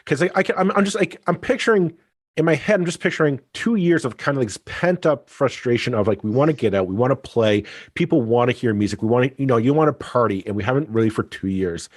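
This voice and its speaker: A man's voice: medium pitch, lively intonation, fast talker, no room sound, studio quality. A man hosting a podcast, asking long rambling questions with many restarts. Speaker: podcast host. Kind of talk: casual podcast interview.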